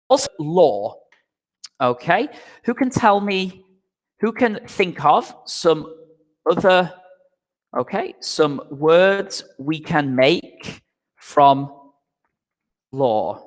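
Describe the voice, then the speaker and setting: A man's voice: on the high side, expressive, in a large hall. A man teaching an English vocabulary lesson to a live online class, patient and repetitive, checking in with "okay?" after nearly every point. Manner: patient, repeats "okay?" often, slow explanations.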